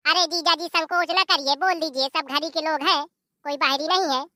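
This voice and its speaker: Cartoon young man, voiced by an actor, cheeky, complaining, high bright voice. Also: steady tone, a little fast, no echo, clean studio sound.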